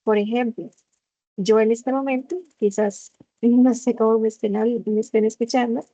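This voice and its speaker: A woman's voice: on the high side, fairly even intonation, moderate pace, dark tone, no echo. A woman teacher giving a patient online class from her computer, acting out short examples. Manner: patient explaining, acts out examples. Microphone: computer microphone. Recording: muffled video-call audio.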